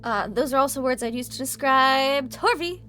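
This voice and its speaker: A woman's voice: high voice, moderate pace, bright, forceful tone, soft background music. A woman game master hosting a casual wrap-up chat after a game.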